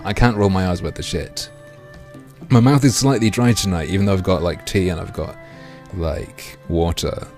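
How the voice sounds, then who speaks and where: A man livestreaming through a headset mic, reading a game aloud and joking crudely with his chat in a deadpan way. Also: low-pitched, normal speed, faint music behind.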